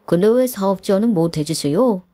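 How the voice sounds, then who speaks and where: A woman's voice: medium pitch, animated, fairly quick, warm tone, dry recording, close to an everyday voice. A woman doing a whiny, pushy son-in-law. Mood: wheedling. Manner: whiny, coaxing pleading. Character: pushy male son-in-law, wheedling, business-obsessed.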